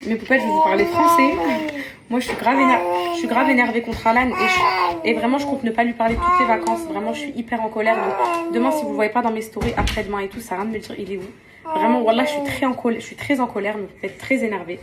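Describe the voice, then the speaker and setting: A woman's voice: on the high side, fast, over a noisy crowd. Tired, venting young French woman. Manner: venting, exasperated, repetitive. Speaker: vlogger. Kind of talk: casual vlog chat. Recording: household clatter behind.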